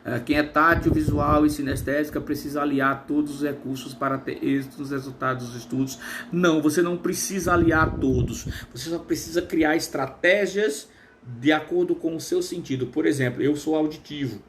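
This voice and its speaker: A man, hosting a casual live stream as a therapist, chatty and full of fillers, with a trained, smooth voice. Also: on the high side, steady tone, a little fast, a bit bright, slight background noise. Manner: chatty, reads viewer comments aloud with many fillers.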